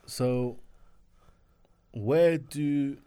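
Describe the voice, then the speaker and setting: Laid-back young London man, mid-pitched. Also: drawn-out words, dark tone, smooth. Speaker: sports talk show co-host. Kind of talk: casual chat among friends.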